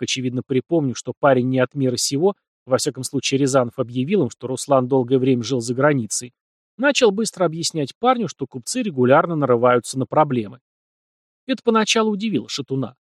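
A man narrating an audiobook with a lively, expressive reading. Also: mid-range voice, no echo, clean studio sound.

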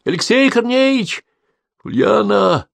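A man voicing a brisk young taiga woman who calls out loudly and urgently. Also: medium pitch, lively intonation, dry recording, voice pushed up. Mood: calling out. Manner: calling out loudly.

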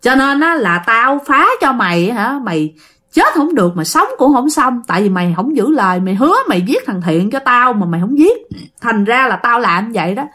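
Shrill wailing ghost woman, as a storyteller puts her on. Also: animated, normal speed, fairly bright tone. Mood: vengeful. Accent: Southern Vietnamese. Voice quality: shrill, piercing. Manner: wailing, spiteful threats.

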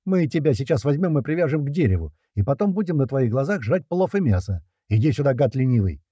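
A man voicing a bossy male camp cook who yells at a lazy comrade. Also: mid-range voice, big pitch swings, quick pace, husky, no echo, studio quality, voice pushed up. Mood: angry. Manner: bossy, shouting.

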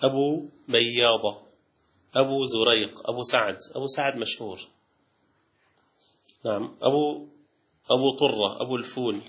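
A man, a sheikh teaching Islamic law in a classroom lecture. He reads lists aloud from a text and breaks off into quick colloquial asides. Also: mid-range voice, fairly bright tone.

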